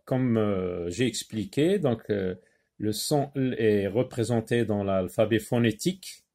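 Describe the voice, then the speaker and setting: A man teaching a phonics lesson to young children, repeating words slowly and hesitating often. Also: mid-range voice, darkish tone. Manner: slow and deliberate, repeats words and syllables; frequent hesitations with euh.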